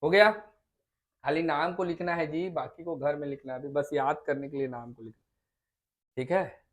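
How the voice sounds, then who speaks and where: A man with a Chhattisgarh Hindi accent teaching a class in a fairly high voice. He sounds out each vowel again and again. He keeps coaxing his students and asking whether they have understood. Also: steady tone, normal speed. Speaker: Hindi tutor. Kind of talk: classroom lesson.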